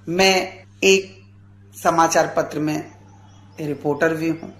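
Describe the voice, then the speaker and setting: A man in his forties speaks slowly and earnestly as a radio guest, each phrase measured and formal. His voice rings in an echoey room. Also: on the high side, gravelly, a bit bright. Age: 40s. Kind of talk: formal tribute speech.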